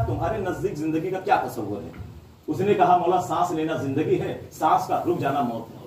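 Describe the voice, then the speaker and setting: A man's voice: high voice, background noise. A man giving a dramatic devotional sermon at a mourning gathering, telling a story and repeating lines for emphasis. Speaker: majlis orator. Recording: echoey hall, far mic, crowd.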